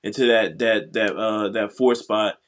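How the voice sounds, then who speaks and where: A congested male podcast co-host in casual sports chat, speaking haltingly with many ums and uhs. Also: lowish voice.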